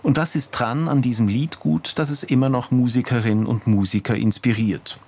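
A man hosting a radio feature, speaking in calm, measured scripted narration. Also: medium pitch, vocal fry. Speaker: radio host. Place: home office.

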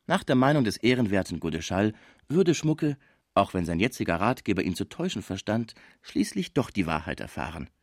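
Low-voiced male audiobook narrator. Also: sing-song, fairly quick, no room sound, studio quality. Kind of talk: audiobook reading.

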